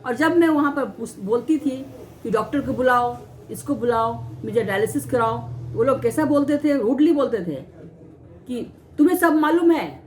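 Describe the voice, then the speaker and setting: High-voiced woman telling an aggrieved story. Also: a little hiss or hum. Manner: aggrieved, recounting mistreatment; halting, repeats and restarts words. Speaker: vlogger. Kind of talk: personal story told to camera.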